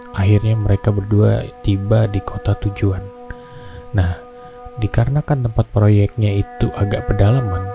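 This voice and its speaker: A man's voice: lowish voice, gravelly. A man hosting a horror story reading, telling it in a casual, chatty way with asides to listeners. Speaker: host reading horror stories. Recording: music bed under the voice. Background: background music.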